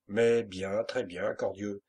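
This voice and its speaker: A fierce pirate captain barks orders and threats in a low, husky voice, as a man reads him out in an audiobook. His lines come brusque and commanding, full of bluster. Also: fairly even intonation, takes it slowly, a little mellow, heavily acted. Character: fierce hot-tempered male pirate captain. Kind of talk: audiobook character reading.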